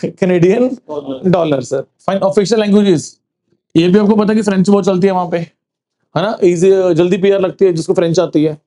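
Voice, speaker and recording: A male teacher quizzing a class for exams, repeating answers and slowing down to read English facts. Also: high voice, dark tone. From Punjab, India. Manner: quizzing, asks then answers with "sir", slows for reading English facts. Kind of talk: classroom exam-prep lecture.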